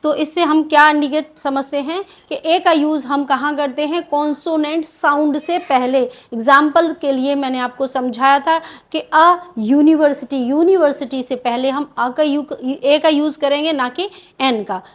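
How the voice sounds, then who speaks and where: A woman's voice: high-pitched, steady tone, a little slow. A woman with an Indian accent teaching English grammar in a video lesson, asking questions and answering them herself.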